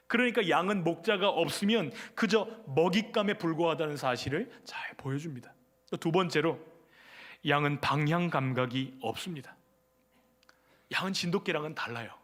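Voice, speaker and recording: Higher-voiced male pastor preaching. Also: fairly bright tone. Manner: conversational, asks the congregation questions. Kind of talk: Sunday sermon. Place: church sanctuary.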